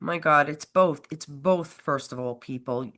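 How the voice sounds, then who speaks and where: Speaking at a measured pace, a woman with a low, slightly bright voice co-hosts an informal political livestream. She's congested from a cold and tends to ramble, laugh, and drop sentences halfway.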